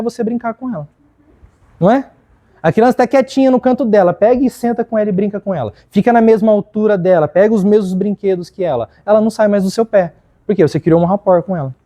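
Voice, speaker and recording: Brazilian man leading a workplace training. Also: high voice. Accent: Brazilian Portuguese. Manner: lively, acts out examples. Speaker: leadership trainer.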